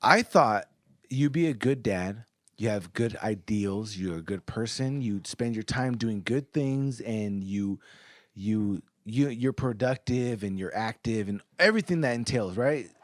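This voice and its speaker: A podcast co-host in his thirties talks bluntly and earnestly in casual chat, swearing frequently. His voice is lowish with lively intonation, and he speaks a little slowly.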